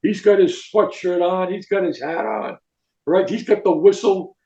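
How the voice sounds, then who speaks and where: An older man, a retired football coach, telling rambling, animated stories in a podcast interview and tagging lines with "right?" and "okay?". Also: high-pitched, normal speed, vocal fry. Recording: echoey room, dull lo-fi sound.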